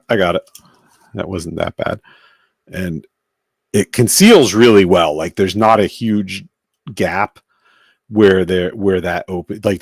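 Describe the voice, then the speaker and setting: A man's voice: low-pitched, gravelly, breathy edge, dry recording, clean studio sound. A man hosting a live stream, casually reviewing an action figure and thinking aloud as he handles it. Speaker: toy collector host.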